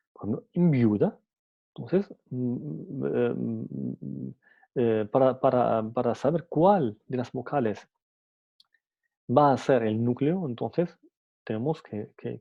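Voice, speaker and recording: A man talks through a phonetics lesson at an unhurried pace, his husky voice rising and falling in a lively way. He hesitates often, restarts his phrases and sounds out example syllables. The recording is dull and lo-fi. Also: medium pitch. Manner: hesitant, many fillers and restarts. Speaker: teacher.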